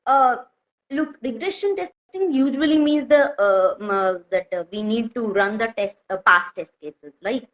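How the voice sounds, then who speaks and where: High-voiced North Indian woman, halting explainer. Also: fairly bright tone. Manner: halting, repetitive phrasing with frequent self-correction. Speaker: software testing expert, guest speaker. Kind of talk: informal explanatory talk with examples. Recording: dull, lo-fi audio.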